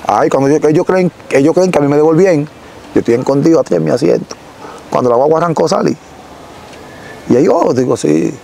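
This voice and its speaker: Mellow-voiced Dominican young man. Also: on the high side, quick pace, gravelly, pauses often, low-quality recording. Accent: Dominican Spanish. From Dominican Republic. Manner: animated, gesturing, frequent self-corrections. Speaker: interview guest. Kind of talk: casual storytelling. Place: outdoors in a rural yard. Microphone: lapel.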